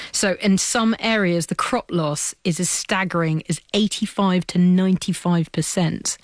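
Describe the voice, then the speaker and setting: A woman's voice: on the low side, no echo, studio quality. A woman hosting a radio science programme, moving between scripted presenting and panel chat. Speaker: science radio show host.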